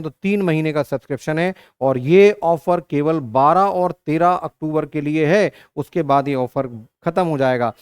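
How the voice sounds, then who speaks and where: A man's voice: a little high, clear, resonant tone, no echo, studio quality. A man teaching an exam-prep lesson, working through arithmetic step by step and asking and answering his own questions, calling students "beta". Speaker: online reasoning teacher.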